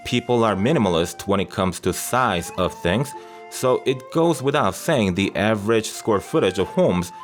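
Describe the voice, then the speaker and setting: A young man narrating a first-person spooky story in a conversational way with wry asides. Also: on the low side. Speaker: storytelling host. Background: background music.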